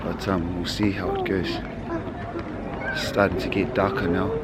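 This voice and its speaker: Laid-back man vlogging in loud crowd noise. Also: sits low, level tone, normal speed. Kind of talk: casual vlog chat. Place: mostly outdoors in noisy public places. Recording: noisy outdoor crowd and traffic ambience. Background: crowd and street noise.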